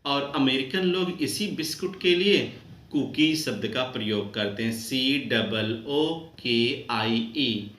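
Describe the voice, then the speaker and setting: A man's voice: mid-range voice, slow. Man spelling words out for students. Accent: Uttar Pradesh Hindi. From India. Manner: addresses students warmly as children. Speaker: lecturer. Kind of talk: classroom grammar lesson. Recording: echoey room with faint background noise.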